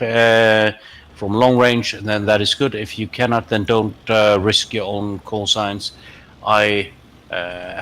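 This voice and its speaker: Low-voiced man giving halting radio orders. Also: fairly bright tone. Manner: deliberate, halting delivery with formal radio procedure. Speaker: commander in a team military simulation game.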